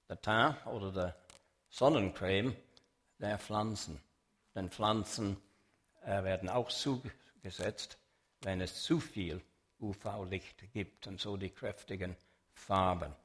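A slow-speaking man with a fairly low, slightly bright voice gives an illustrated religious talk. His manner is deliberate and explanatory, and he speaks straight to the audience in a public lecture carrying a sermon message.

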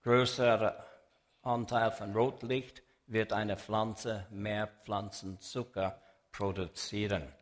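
Delivering a public lecture with a sermon message, a man presents an illustrated religious talk in a lowish, level voice. He goes slowly and deliberately, explaining things and speaking straight to the audience.

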